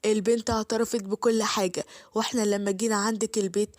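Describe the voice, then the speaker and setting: A woman's voice: medium pitch, level tone, quick pace, no room sound. A woman with an Egyptian accent narrating a dramatic story in an earnest, repetitive way.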